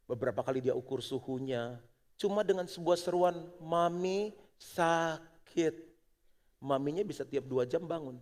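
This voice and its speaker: A middle-aged male pastor preaching a sermon, moving between loud exhortation and hushed prayer. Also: fairly high pitch. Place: church auditorium. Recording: long church hall reverb.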